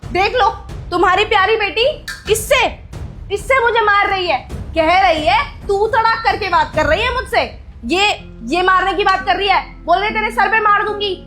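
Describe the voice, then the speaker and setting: A woman acting as a young mother of a seven-year-old girl, scolding loudly at times and speaking gently at others, in a family drama skit. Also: very high voice, moderate pace, a little hiss or hum.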